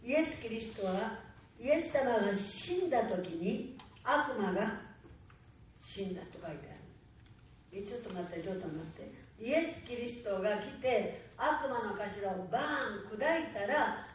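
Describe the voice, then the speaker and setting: A woman's voice: mid-range voice, animated, moderate pace, slight background noise. A woman pastor preaching an emphatic sermon in a church hall, urging the congregation to say amen. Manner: emphatic, calls for loud amens. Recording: echoey hall from far off.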